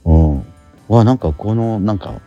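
A man presenting a radio show makes casual conversation promoting a stage play, speaking haltingly, repeating himself and searching for the right words. His voice is on the low side and dark-toned with lively intonation; the audio is dull, and faint music plays behind.

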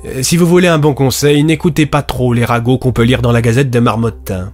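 A man playing a calm, firm police inspector who speaks politely and measured, with faint music behind. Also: mid-range voice, close to an everyday voice. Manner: polite and measured, turning commanding.

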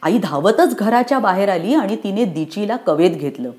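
A woman narrating a storybook in an expressive, rhythmic reading. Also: mid-range voice, moderate pace.

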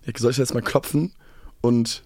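A man's voice: medium pitch, normal speed, no room sound, studio quality. A young man co-hosting a podcast, telling a story casually and with animation, sometimes mumbling. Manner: animated storyteller, mumbles at times, drops to a whisper. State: tired, late at night. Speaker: podcast co-host.

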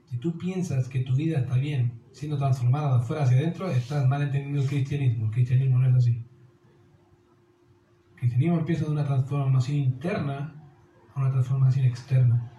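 Echoey, mellow-voiced male pastor preaching. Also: mid-range voice, steady tone, fairly quick, muffled recording, a little hiss or hum. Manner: earnest preaching, addressing listeners as "querido". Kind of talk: sermon.

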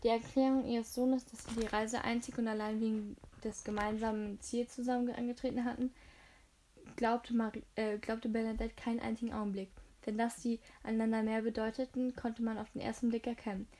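A woman's voice: a little high, level tone, fairly quick, dark tone. A woman reading a novel aloud, with frequent slips and restarts. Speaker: audiobook reader.

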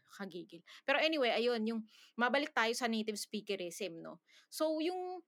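A woman's voice: a little high, very animated, measured pace, fairly bright tone. A woman co-hosting a casual podcast chat, ranting bluntly and sarcastically with laughs and swearing. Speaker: podcast co-host.

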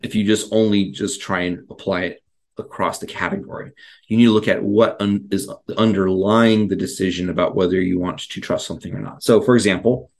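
A man's voice: deep voice, fairly even intonation, a little fast. A man co-hosting a casual history discussion, talking in a rambling way with many fillers and restarts. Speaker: podcast co-host.

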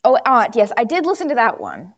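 A woman's voice: on the high side, wildly swooping pitch, fairly quick, dull audio. A young woman in casual fan chat, talking freely and laughing often. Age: young adult. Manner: chatty, laughs often, acts out quotes. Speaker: podcast co-host. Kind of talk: casual chat among fans.

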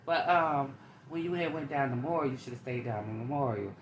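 A woman co-hosting a podcast in casual chat, blunt and quick to hold the floor. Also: a bass voice. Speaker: podcast co-host. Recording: echoey room with faint ambient noise.

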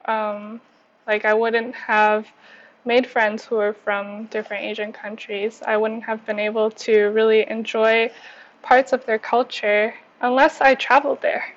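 A woman from Canada with a slightly high voice talks in an upbeat, friendly way in a casual discussion. Her sound is muffled and lo-fi, like an online call. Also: level tone, a little slow. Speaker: panel guest. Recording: dull lo-fi recording.

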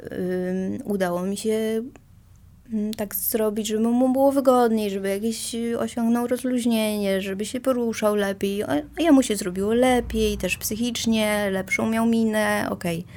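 A woman's voice: fairly high pitch, steady tone, unhurried, darkish tone. A woman in casual conversation, talking reflectively and self-mockingly, with many hesitations and small laughs.

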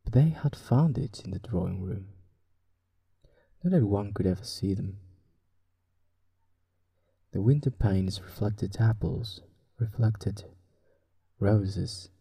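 Soft, relaxing bedtime talk and story reading come from a sleep podcast host, a man who natively speaks Spanish and has a Spanish accent. His voice is on the low side, husky and breathy, and he keeps it hushed and unhurried, edging toward a whisper.

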